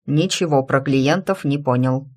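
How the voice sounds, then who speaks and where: A woman's voice: extremely low pitch, unhurried, darkish tone. A woman voicing a burly male werewolf coworker who talks in a lazy, mocking drawl. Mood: puzzled.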